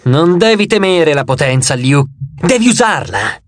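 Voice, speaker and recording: A man's voice: fairly high pitch, lively intonation, a little slow, no room sound. A man voicing a seductive female demon in an audiobook, speaking in a purring, teasing way.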